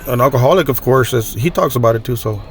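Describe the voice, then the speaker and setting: A male podcast host leads a casual interview. He asks his questions hesitantly, with plenty of fillers, and answers the guest with short reactions. His voice sits at a middle pitch over faint music. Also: quick pace.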